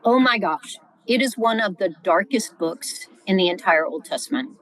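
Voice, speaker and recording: A middle-aged woman, a scholar and podcast guest, teaching in a lively, vivid storytelling way with frequent exclamations. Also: mid-range voice, moderate pace, poor audio. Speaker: guest Old Testament scholar.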